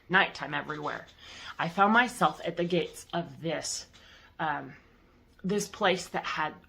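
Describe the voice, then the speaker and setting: A woman casually recounting a personal spiritual experience to her viewers, rambling and halting with lots of fillers. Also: on the low side, a bit bright. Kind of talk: casual first-person storytelling.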